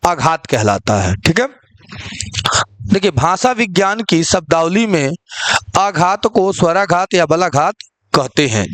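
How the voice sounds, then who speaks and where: A male teacher with a fairly high voice talks through an online lecture. He keeps asking the class questions and answering them himself, checking in often. The sound is dry and close, with no room echo. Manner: repeats "ठीक है" often. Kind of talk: online exam-prep lecture.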